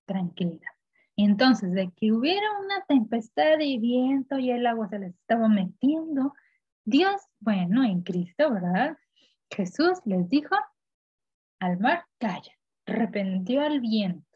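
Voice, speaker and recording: Woman, Sunday school teacher, husky, animated storytelling, asks the kids questions, dull lo-fi sound. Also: on the high side, no room sound. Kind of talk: Bible lesson for children.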